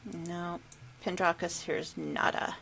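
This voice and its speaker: A woman's voice: on the low side, little pitch movement, slow pace, vocal fry, fairly bright tone, breathy edge. A middle-aged woman, hosting a livestream in a chatty way and laughing easily. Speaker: livestream host. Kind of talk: casual chat.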